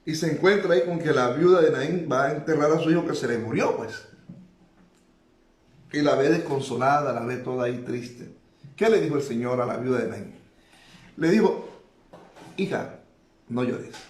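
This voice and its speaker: Man, preacher, middle pitch, repeats phrases, echoey room. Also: fairly quick. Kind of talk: sermon.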